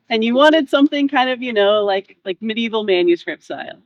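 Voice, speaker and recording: A woman's voice: fairly high pitch, no room sound, highs cut off. A woman giving a casual, playful presentation speech at an informal ceremony.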